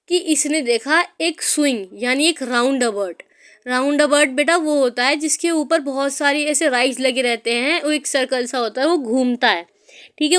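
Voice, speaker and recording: A woman's voice: high voice, fairly bright tone. A woman teacher explaining a story to her students, mixing in English words and calling them "beta".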